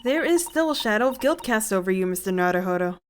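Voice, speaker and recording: A woman voicing a grand, self-assured male detective who talks in a pompous, deliberate way. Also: mid-range voice, lively intonation, soft background music, close to an everyday voice.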